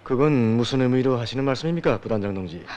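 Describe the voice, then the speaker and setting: Actor as animated North Korean children's coach. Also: male voice, medium pitch, fast, a little hiss or hum, close to an everyday voice. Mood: reserved, formal. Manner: animated, instructive. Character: earnest, encouraging young male children's coach. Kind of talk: film drama dialogue.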